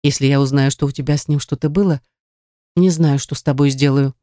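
A woman's voice: very deep voice, fairly even intonation, fairly quick, dark tone, no room sound, clean studio sound, pitched below the performer's own voice. A woman voicing a hurt young woman who speaks sternly and grimly to her sister, in an audiobook. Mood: bitter. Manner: stern, grim, hissing under breath.

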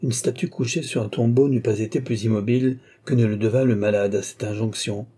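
A man narrating an audiobook novel in a measured, even storytelling manner. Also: mid-range voice, husky. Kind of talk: scripted narration.

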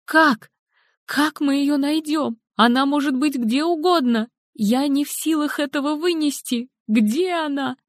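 A woman's voice: high-pitched, a little slow, no room sound, studio quality, voice pushed up. A woman reading an audiobook, voicing a frantic, grieving young mother who is near-hysterical and sobbing. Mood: desperate.

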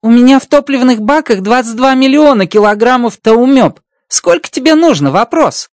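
A squeaky excitable alien engineer. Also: male voice, moderate pace, dry recording, studio quality. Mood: insistent. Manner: broken grammar, tags questions with a spoken word. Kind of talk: audiobook character voice.

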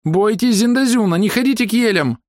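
A shrill young thief girl, put on by a male audiobook reader, who yells high and squeaky from her hiding place, full of indignation. Her voice leaps far above the reader's own. It sounds close and dry. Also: expressive, brisk, no echo. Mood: scaremongering. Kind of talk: audiobook character voice.

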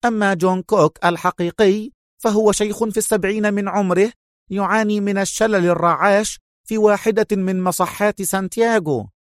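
A man doing a composed woman operative, pitched higher, calm and reporting, dry sound. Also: brisk, dry recording, close to an everyday voice.

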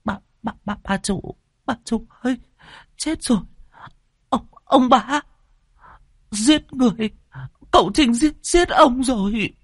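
A man's voice: very high-pitched, takes it slowly, pauses often, slightly rough, no room sound, studio quality, voice pushed up, full character voice. A man voicing a frantic young female servant who stammers and wails through sobs, in a horror story reading. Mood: panicked sobbing. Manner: stammering, wailing, sobbing.

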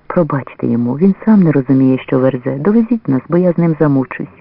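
A man voicing a gentle, pleading young woman in an audiobook story, in a soft, raised voice. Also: a little high, lively intonation, quick pace, gravelly. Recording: dry, narrow phone-like lo-fi sound.

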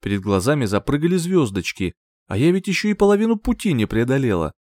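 Guy reading a fantasy audiobook, really animated delivery, dry close sound. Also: medium pitch, quick pace, no room sound. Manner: expressive, lively reading. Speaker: audiobook narrator. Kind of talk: first-person audiobook narration.

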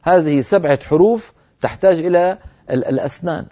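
Male recitation teacher, mellow tone, patient explainer, dull lo-fi broadcast sound. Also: a little high, a little fast. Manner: explanatory, demonstrates letter sounds aloud. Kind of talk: televised recitation lesson.

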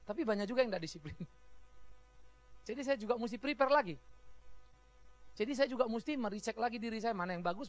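A pastor delivers a sermon in a loose, joking style and often breaks into laughter. The pitch swings widely, and the sound is dry, with little room echo. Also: fairly bright tone. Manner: humorous, chatty preaching with frequent laughter. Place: church.

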